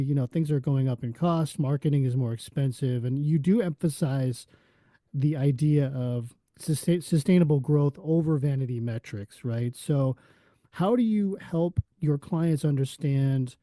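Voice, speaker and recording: Mellow podcast host man, dry close sound. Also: mid-range voice, no echo. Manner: friendly, conversational questions. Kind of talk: podcast interview hosting.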